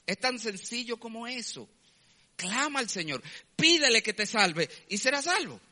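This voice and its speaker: A man's voice: very high voice, sing-song, normal speed, pushed and bright. A man preaching a sermon as a pastor, emphatic, acting out quoted voices and asking rhetorical questions. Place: church. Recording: long church hall reverb.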